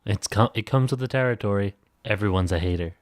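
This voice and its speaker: A young man in his twenties with a lowish voice, co-hosting a relaxed podcast chat. He asks questions and throws in teasing jokes. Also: fast. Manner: joking, teasing interviewer. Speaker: podcast co-host. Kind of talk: casual chat.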